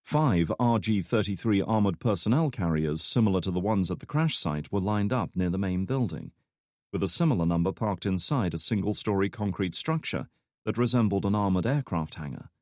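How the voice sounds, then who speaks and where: A man narrating an audiobook in a steady, measured reading style. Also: low-pitched, no echo, studio quality. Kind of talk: scripted narration.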